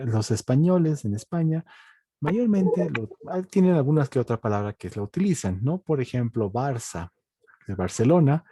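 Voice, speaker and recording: A male teacher with a very dark, mellow voice and a husky edge gives an online language lesson. He explains things patiently and repeats himself, often adding quick checks like "right?", and stretches out words slowly when he models pronunciation. His pitch moves in a lively way, and the recording sounds dry and close. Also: no room sound. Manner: patient, repetitive explaining with tag questions; slow, drawn-out model pronunciations. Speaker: French teacher.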